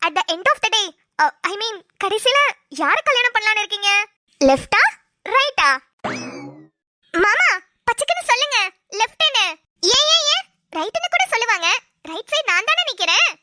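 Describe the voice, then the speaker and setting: A woman's voice: extremely high pitch, big pitch swings, normal speed, long pauses, pushed and bright, slight background noise, exaggerated voice. A woman voicing a mischievous, bossy young cartoon woman who teases and schemes. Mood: scheming. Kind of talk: cartoon voice acting.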